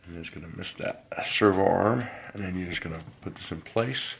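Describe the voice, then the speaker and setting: A man with a head cold, sounding hoarse, hosting a casual hobby how-to and explaining each step in a relaxed, rambling way with lots of fillers. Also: low-pitched, brisk, a little hiss or hum. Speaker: host of a hobby garage channel.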